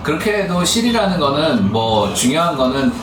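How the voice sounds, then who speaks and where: A man explains his clinical work in a casual, conversational way. His pitch moves freely as he asks and answers his own questions. The room is echoey and the mic sounds distant. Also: big pitch swings, normal speed, noisy background. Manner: explains with rhetorical questions and acted-out quotes. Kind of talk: casual explanatory chat over drinks.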